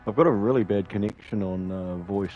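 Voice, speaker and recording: A man chatting casually with a co-op gaming partner over internet voice chat. His line is crackly and choppy, with a buffering stutter, and he talks in a low-key, halting way. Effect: choppy, crackly voice chat connection with buffering stutter. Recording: muffled lo-fi voice chat with faint music.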